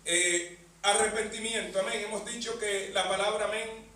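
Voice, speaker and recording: A man's voice: high-pitched, steady tone, moderate pace, bright, forceful tone. A man preaching a sermon in a church, peppering his phrases with amen and praises to the Lord. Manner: punctuates phrases with amen and bendito sea el Señor. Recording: echoey church hall, mic far off.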